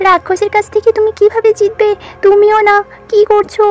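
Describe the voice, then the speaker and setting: A woman doing a frantic village mother, very high voice. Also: little pitch movement, fairly quick, soft background music. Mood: panicky. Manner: frantic, fretful calling out. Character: panicky young village mother, sister-in-law. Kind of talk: home doll-play story acting.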